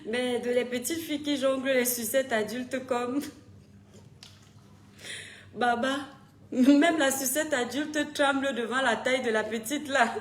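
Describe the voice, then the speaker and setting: Female live-stream host, scolding and laughing often; higher voice, a faint hum behind it. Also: a little slow, pauses often. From Cameroon. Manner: animated, scolding, laughs often, calls viewers "mes étoiles". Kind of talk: casual live stream chat, greeting viewers. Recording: echoey room with faint background noise.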